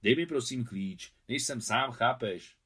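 A man reading aloud, voicing an eager, lively male professor. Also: mid-range voice, breathy edge, pitched above the performer's own voice. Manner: eager and pleading.

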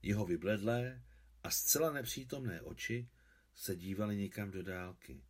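A man, the translator, calmly reading a novel aloud in a measured way. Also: lowish voice.

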